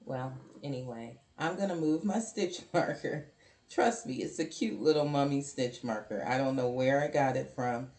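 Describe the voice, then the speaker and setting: Low-pitched, unhurried woman host, chatty and apologetic, echoey home room. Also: a little mellow. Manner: chatty, apologetic, rambling with ums and restarts. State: hiccups. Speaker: knitting podcast host. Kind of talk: casual show-and-tell chat.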